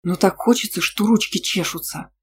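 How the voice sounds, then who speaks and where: Expressive woman reading a first-person romance audiobook, feisty and lively, mid-range voice, faint background noise. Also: mid-range voice, normal speed. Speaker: audiobook narrator.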